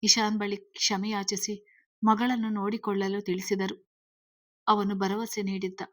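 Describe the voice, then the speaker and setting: A woman narrating a serialized story in a steady reading style. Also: mid-range voice, a little slow, dry recording.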